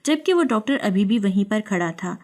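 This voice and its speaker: A woman narrates a first-person story in a scripted, dramatic way. Her voice sits at a middle pitch and leans into emotion. It sounds like a storytelling channel reading. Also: animated, a little mellow.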